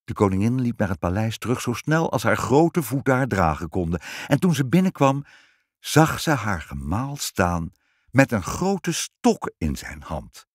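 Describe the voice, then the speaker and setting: Male storybook reader, Dutch accent, expressive, dry close recording. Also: fairly low pitch, measured pace, breathy edge, no echo. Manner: expressive, animated. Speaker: narrator. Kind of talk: storybook reading.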